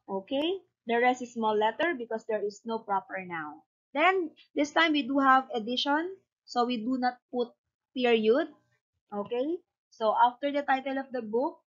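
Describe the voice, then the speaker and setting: A woman teacher with a fairly high voice dictates item by item in an instructional lesson. Her delivery is very slow, methodical and repetitive. The recording is dull and lo-fi. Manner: dictating punctuation and spelling item by item. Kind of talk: instructional lesson, explaining citation format step by step.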